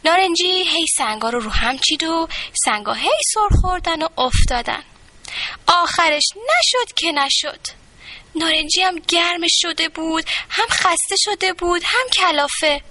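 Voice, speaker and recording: A woman narrating a children's story in an expressive read-aloud manner. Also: very high-pitched, few pauses, no echo.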